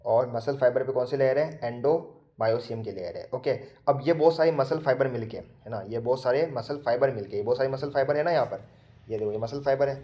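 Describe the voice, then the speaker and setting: A man's voice: medium pitch, dark tone. A man teaching a nursing class, casually asking and answering his own questions while walking through diagrams. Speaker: nursing tutor. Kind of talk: casual lecture explaining diagrams. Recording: echoey room.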